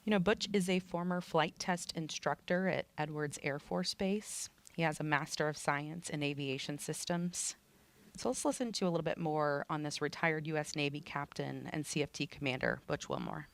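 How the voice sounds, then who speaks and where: Female broadcast commentator, conversational explainer, plain-spoken, with a creaky edge. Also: low voice, animated, moderate pace.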